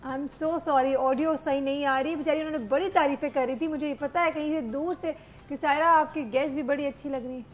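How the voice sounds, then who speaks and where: A woman's voice: high-pitched, fairly even intonation. A woman hosting a live morning TV show, taking calls in an upbeat way and mixing English words into her talk. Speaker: host. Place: TV studio.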